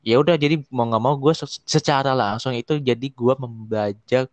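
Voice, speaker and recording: A man's voice: mid-range voice, steady tone, normal speed, no echo. A young man in casual chat, hesitant, searching for words with frequent fillers.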